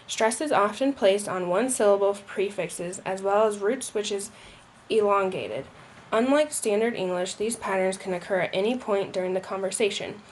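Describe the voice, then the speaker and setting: A woman's voice: medium pitch, normal speed, a little hiss or hum. A young woman reading a school presentation aloud, with occasional slips and restarts. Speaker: student presenter.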